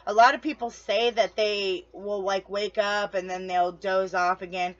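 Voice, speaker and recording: Speaking in a steady, medium-pitched voice at a measured pace, this woman chats to camera in a casual vlog over dull-sounding audio. Her storytelling wanders, she loses the thread now and then, and she addresses her audience directly.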